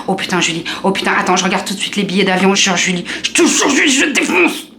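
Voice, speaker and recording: A woman's voice: medium pitch, flat delivery, fairly bright tone, natural voice. Woman doing her hot-headed Toulouse dad. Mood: frantic. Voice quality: rapid swearing, frantic. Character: excitable southern French dad, hot-tempered.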